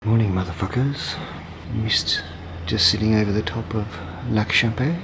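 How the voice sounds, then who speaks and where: A man's voice: fairly low pitch, normal speed. Joking man on a hiking trail. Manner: joking, playful, interviewing his partner. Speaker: travel vlogger. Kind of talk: casual vlog chat. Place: outdoors on a mountain hiking trail. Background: background music.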